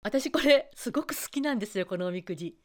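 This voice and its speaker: Lively chatty woman voice coach. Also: medium pitch, fast talker. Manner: chatty, acts out quoted students. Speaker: voice trainer. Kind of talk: spoken self-help talk.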